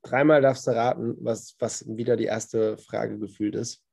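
A man's voice: medium pitch, fairly even intonation, a little slow, gravelly, a little mellow, slightly rough. A man who works as a business coach, talking casually in a podcast chat in a blunt, emphatic and colloquial way.

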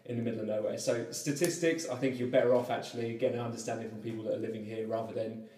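British guy as podcast guest, casual chat, mid pitch, echoey and a bit off the mic. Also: steady tone, racing, warm tone, recorded from a distance.

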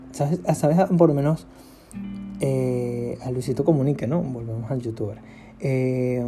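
A young man hosting an unscripted personal podcast, talking candidly and ramblingly about feeling low, with self-deprecating laughs. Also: mellow. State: low spirits. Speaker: podcast host.

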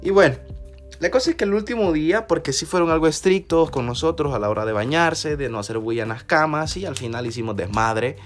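A young man tells a story for his podcast in a relaxed, casual way. His voice sits a little high, and he often leaps into exaggerated, mocking tones. Faint music plays underneath him. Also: quick pace, few pauses. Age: young adult. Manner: animated, jumps into mocking high voices and slang. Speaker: podcast host.

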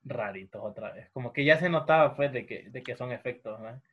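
Slangy Central American podcast co-host. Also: male voice, medium pitch, a little fast, dull audio. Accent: Central American Spanish. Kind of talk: casual chat.

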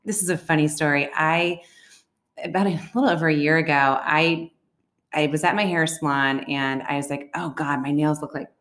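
Animated woman telling a story. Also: sits low, moderate pace, roomy sound. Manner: animated storyteller, acts out quotes. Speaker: podcast co-host. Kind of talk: casual chat.

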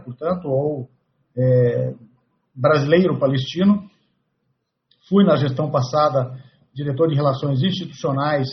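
A man from Brazil, a guest speaking formally and steadily, often pausing on "eh". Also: medium pitch, lo-fi sound. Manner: measured, with frequent "eh" fillers. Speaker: guest, president of an organization.

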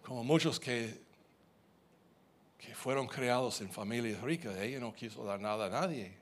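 A man preaching, telling his own testimony as a story, animated and repeating words as he goes. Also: medium pitch, normal speed.

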